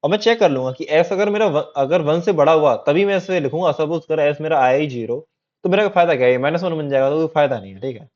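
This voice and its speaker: A man with a highish, darkish, animated voice moves at a quick pace through a coding lesson. Casual and repetitive, he keeps saying "theek hai" to check that people follow, and the recording sounds dull and lo-fi.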